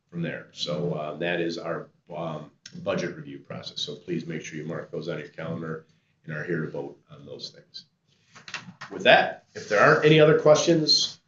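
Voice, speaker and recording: Very low-voiced man chairing a meeting, halting delivery, roomy and muffled room mic. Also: a bit bright. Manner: halting, many fillers and restarts. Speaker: committee chair. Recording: roomy, dull, faint noise.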